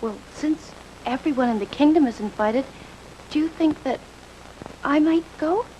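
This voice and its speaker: An actress playing a meek, hopeful young stepdaughter in a fairy tale, hesitant, polite and wistful. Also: female voice, high-pitched, normal speed, dark tone, lo-fi sound, a little hiss or hum, natural voice. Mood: timid. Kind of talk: fairy-tale television acting.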